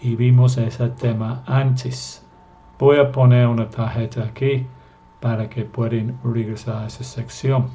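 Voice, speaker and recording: Slow, careful male language teacher. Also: mid-range voice, level tone, mellow. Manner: slow and careful, repeating example sentences for learners to copy. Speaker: English teacher. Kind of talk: recorded language lesson.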